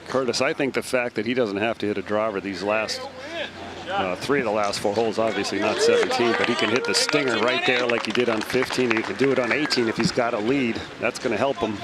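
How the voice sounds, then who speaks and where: A male golf commentator with a fairly low voice gives conversational analysis. Loud crowd and heavy outdoor noise fill the background. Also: fast talker.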